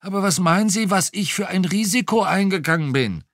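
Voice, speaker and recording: A man's voice: sits high, lively intonation, fairly quick, fairly bright tone, no echo, clean studio sound, pitched above the performer's own voice. A man doing an eager old retired cop. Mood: boastful. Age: older. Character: eager old retired male policeman, boastful.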